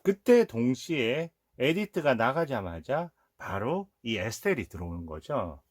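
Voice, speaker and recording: Lively man retelling a film. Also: medium pitch, measured pace, no echo, clean studio sound. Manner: retells scenes, acting out characters' lines in quotes. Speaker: film reviewer host. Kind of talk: casual film commentary.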